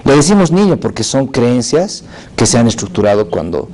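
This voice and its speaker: A man's voice: mid-range voice, big pitch swings, normal speed, warm tone. A man speaking as a talk show guest, explaining ideas patiently and checking in with the listener.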